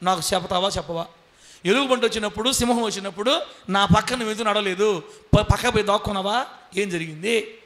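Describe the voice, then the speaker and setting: A man's voice: high voice, quick pace, a bit bright. A man voicing a bewildered male servant of God who pleads with his Lord. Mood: demanding. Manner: anguished, protesting.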